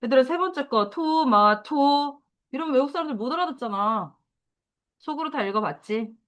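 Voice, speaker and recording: A woman teacher giving a lively, chatty lecture to middle schoolers, talking straight to the class and drawing out key words slowly. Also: high voice. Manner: lively, chatty, addresses students directly.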